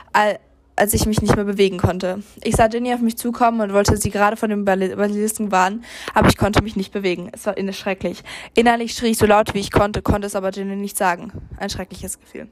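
A young woman reading her own fan fiction aloud, rushing and often tripping over words and correcting herself. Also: medium pitch, a little hiss or hum. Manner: rushed reading with frequent slips and self-corrections.

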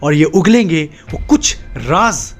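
A man's voice: on the high side, very animated, takes it slowly, faint music behind. A young man giving an emphatic motivational monologue to camera, stacking up short repeated phrases. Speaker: self-help video host.

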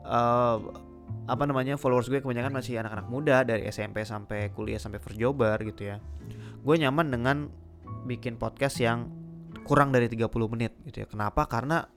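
A young man with Jakarta slang hosting a casual solo podcast, talking fast with many filler sounds. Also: medium pitch. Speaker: podcast host.

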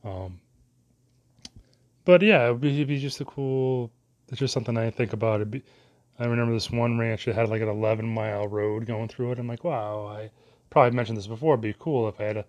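A man's voice: medium pitch, a little fast, darkish tone. A man talking in a casual rambling monologue, full of fillers and mild cursing, as he daydreams aloud.

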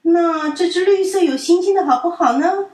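A woman voicing an eager, helpful little boy, chirpy, loud and quick. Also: extremely high pitch, roomy sound, distant mic, pitched above the performer's own voice.

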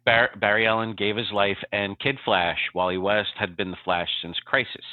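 A man co-hosting a casual podcast chat, telling a long story in an animated way and checking in with "okay?". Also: fairly low pitch, normal speed, dry recording. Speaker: podcast co-host. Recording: tinny phone-like line.

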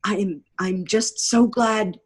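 A slightly rough, medium-pitched female voice speaks at a slow pace. She's a theatre producer on a podcast as a guest, animatedly telling anecdotes in a chatty manner and acting out remarks during the casual interview.

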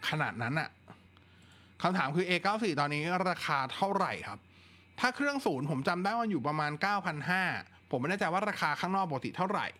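A man hosting a casual live tech chat, relaxed and talkative, answering viewer questions with plenty of fillers. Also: sits high, fairly quick. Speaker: tech livestream host.

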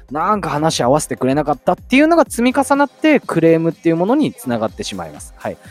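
A man's voice: on the high side, darkish tone. A man hosting a casual solo audio talk, speaking chattily with many fillers and rhetorical questions to his listeners. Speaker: audio podcast host.

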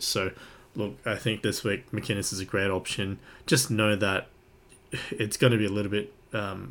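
A man's voice: on the low side, fairly bright tone. An Australian man hosting a sports podcast, giving casual, conversational commentary in an informal way.

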